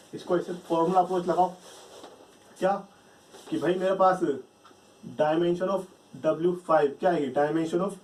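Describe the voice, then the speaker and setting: A man gives a whiteboard math lesson in a fairly high voice. He walks through each step, posing questions and answering them himself. The sound is picked up from some distance off the mic. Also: a little mellow. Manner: explains step by step, asks and answers his own questions. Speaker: math teacher.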